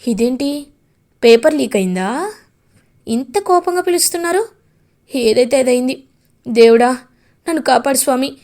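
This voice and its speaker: A woman's voice: sits high, lively intonation, normal speed, pauses often, a little mellow. Woman voicing a pleading young daughter-in-law. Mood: nervous. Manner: pleading, panicky.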